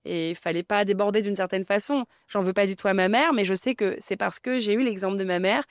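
A woman's voice: medium pitch, steady tone, brisk, dry recording, studio quality. A woman in her thirties from Paris, speaking candidly in a conversational way as an interview guest. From Paris, France. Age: 30s. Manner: candid, conversational, many fillers.

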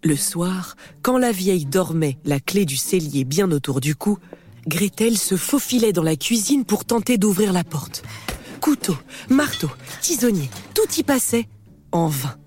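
A woman narrating a fairy tale for a storybook recording with expressive, lively delivery. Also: fairly low pitch, a little slow, soft background music.

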